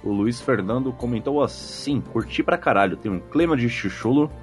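A podcast host with a Brazilian accent chats casually in a jokey, slangy way and reads listener comments, with background music playing. His medium-pitched voice has lively intonation at a normal speed.

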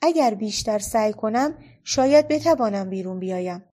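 A woman voicing a bold, cheeky young girl in a storybook reading, lively and bossy. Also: mid-range voice, close to an everyday voice. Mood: playful.

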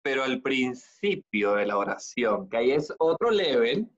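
A man's voice: mid-range voice, big pitch swings, normal speed. A man co-hosting a podcast in casual chat, joking with crude, playful banter. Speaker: podcast co-host. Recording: dull lo-fi sound.

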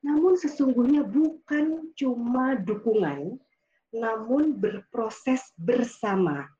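Woman giving a calm talk over a video call, warm mellow voice, muffled lo-fi sound. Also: on the high side, takes it slowly. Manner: calm and explanatory, acts out sample phrases, frequent fillers. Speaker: speaker addressing a medical team. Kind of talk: online talk.

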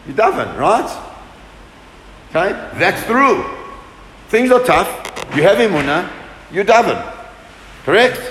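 A man's voice: high voice, a bit bright. A man teaching a Torah class to a group, asking questions and answering them with emphasis. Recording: echoey room with long reverb.

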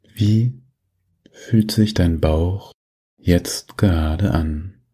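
Male meditation guide for sleep content: deep, soft and breathy, extremely unhurried, gentle and soothing. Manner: soothing, gentle instructions with long pauses.

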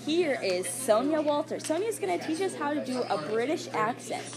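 Woman host, high and lively voice, mock-announcer patter, loud music underneath. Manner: breezy announcer patter, rushing through lines. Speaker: host of a home-made pretend show. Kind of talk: playful mock show hosting with a pretend commercial. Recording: loud music playing behind the voice.

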